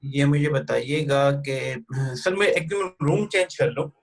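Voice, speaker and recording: A man's voice: mid-range voice, slow pace. A man, a student in an online class, asks his teacher questions politely and hesitantly over a video call from a room where his voice echoes. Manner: polite and hesitant, with fillers and restarts. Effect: echoey room sound.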